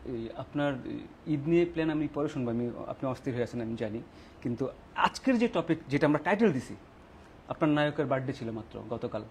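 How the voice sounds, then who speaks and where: Rapid-fire interviewer, keeps pressing the guest with follow-ups. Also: medium pitch, expressive, a little mellow, a little hiss or hum. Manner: quick, probing, pushes with follow-up questions. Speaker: talk show host. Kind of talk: casual talk show interview.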